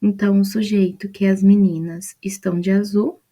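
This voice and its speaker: A woman's voice: mid-range voice, flat delivery, fairly quick, dark tone. A woman with a Brazilian Portuguese accent, patiently explaining grammar rules step by step from a mind map. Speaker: student presenting a study mind map.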